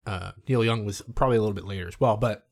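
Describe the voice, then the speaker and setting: Low-voiced man rambling about music. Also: racing. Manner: rambling, many restarts and fillers. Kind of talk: casual music chat.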